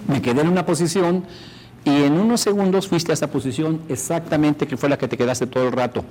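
A man's voice: a little high, darkish tone, low-quality recording. A man teaching a workshop on rapport, demonstrating and often asking the audience questions. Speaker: instructor.

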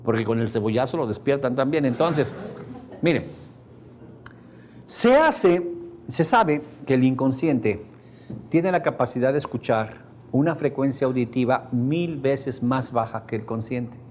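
A man's voice: mid-range voice, animated, a little slow, a little mellow. A man with a Mexican Spanish accent leads a workshop for a live group in a mid-range voice. He explains in an easygoing, conversational way, with frequent asides to his listeners. Faint ambient noise sits under the recording. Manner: conversational, explains with everyday examples and checks in with the audience. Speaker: seminar instructor. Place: seminar room with a live audience.

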